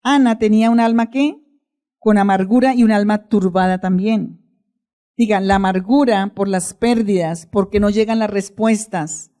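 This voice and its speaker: Woman preaching in a mellow voice. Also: medium pitch. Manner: questions the congregation and answers herself. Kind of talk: sermon.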